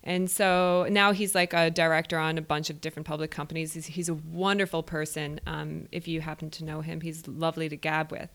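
A woman's voice: low voice, flat delivery, fairly quick, hardly any pauses, a bit bright. A woman co-hosting a podcast, chatty and laughing often as she tells a field story. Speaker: podcast co-host. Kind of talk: casual storytelling chat.

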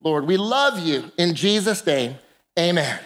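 A woman's voice: fairly low pitch, expressive, a little slow. A woman pastor preaching a sermon into a pulpit microphone in a church, emphatic and calling for the congregation's responses. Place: church sanctuary.

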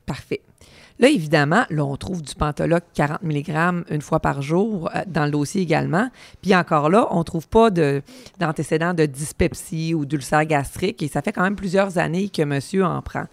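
A woman podcast host with a Quebec French accent and a hoarse, gravelly, raspy voice, introducing and interviewing. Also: low-pitched, normal speed, no echo.

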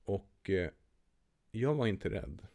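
Calm deep-voiced man on a podcast. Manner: calm, quiet listener adding short recollections. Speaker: podcast co-host. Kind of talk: casual podcast conversation.

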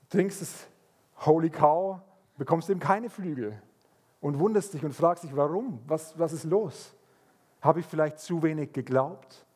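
Man, sermon, husky voice, fairly high pitch, lively storytelling. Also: measured pace. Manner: lively storytelling, acts out voices of people in the stories. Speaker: pastor.

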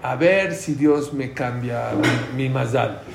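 A man giving a lively sermon, acting out voices of the people and of God as he preaches. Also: medium pitch, slow pace, vocal fry, echoey room, background noise. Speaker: rabbi.

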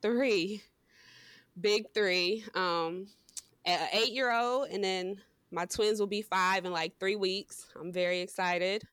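A woman's voice: medium pitch, fairly even intonation, slow, fairly bright tone, smooth, no room sound, studio quality. A woman in her thirties from Cleveland, a podcast guest who talks in a laid-back way and laughs easily. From Cleveland, Ohio. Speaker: guest, entrepreneur and mom. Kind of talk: casual podcast interview.

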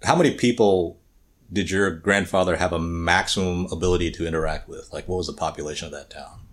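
A man's voice: low-pitched, fairly even intonation, quick pace. A middle-aged man from the American South and Midwest, co-hosting a podcast in casual, rambling, self-deprecating chat. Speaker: podcast co-host.

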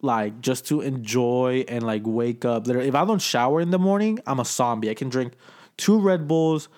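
A man's voice: medium pitch, normal speed, darkish tone. A young man co-hosting a casual podcast chat, rambling and peppering his talk with dude and bro. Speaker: podcast co-host.

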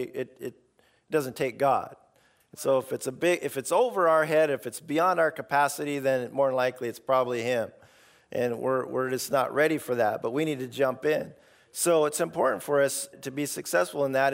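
Gravelly, creaky-voiced male preacher. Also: mid-range voice. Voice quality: gravelly, hoarse. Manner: informal, emphatic, acts out imagined replies. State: voice starting to give out. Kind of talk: sermon, conversational exhortation to a congregation.

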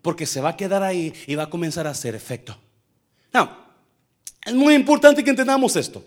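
A man preaching a sermon to his church, animated, acting out what people say in shifting voices and dropping in English fillers. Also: high-pitched, fairly quick. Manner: animated, acts out quoted speech in shifting voices. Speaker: pastor.

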